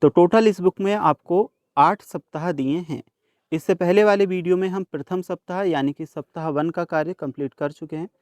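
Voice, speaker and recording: This is a young man with a slightly high voice, teaching a workbook lesson and walking through each answer one at a time. He talks straight to his students, and the recording is dry and close, with no room sound around him. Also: moderate pace, a little mellow, no room sound. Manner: patient, explains each answer in turn, addresses students directly.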